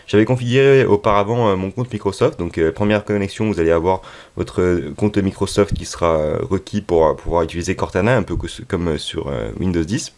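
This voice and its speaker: A man with a very low voice presents a tech tutorial. He speaks unscripted and haltingly, pausing often to find his next words. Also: darkish tone. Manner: hesitant, halting delivery with frequent pauses. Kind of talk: unscripted app tutorial narration.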